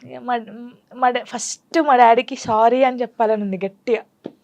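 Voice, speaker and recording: A woman's voice: on the high side, steady tone, a little mellow, highs cut off. A young adult woman talking candidly and emotionally as a guest in a casual interview. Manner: candid, emotional, quick storytelling.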